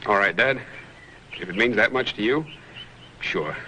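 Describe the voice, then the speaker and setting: A young actor playing a breezy, teasing gentleman son who loves horses. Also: lowish voice, measured pace, a little hiss or hum, low-quality recording.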